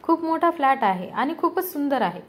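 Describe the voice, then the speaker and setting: A woman's voice: high voice, sing-song, normal speed. A woman reading the lines of a poor older mother who collects garbage and longs for her son, in a storybook telling.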